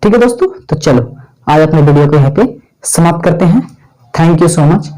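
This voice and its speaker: A man's voice: fairly high pitch, expressive, normal speed, warm tone, poor audio. A young man giving a casual grammar lesson for exam students, constantly asking questions and answering them himself. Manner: repeats "thik hai" and quizzes the viewer. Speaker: teacher. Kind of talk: casual Hindi grammar lecture.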